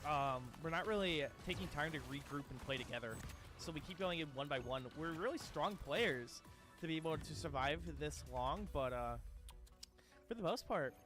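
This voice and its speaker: A man's voice: on the high side, lively intonation, normal speed, music in the background. A man casting an esports match as play-by-play commentary, laid-back and chatty, calling people "bro" and "dude" and trailing off with fillers. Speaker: esports caster. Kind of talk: casual play-by-play game commentary.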